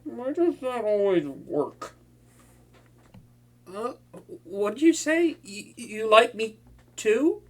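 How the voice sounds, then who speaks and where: A man voices a flustered, bragging young supervillain for a listener as a hobby roleplay, stammering and swinging from mood to mood. His delivery is high-pitched, sing-song and exaggerated, extremely slow with frequent pauses.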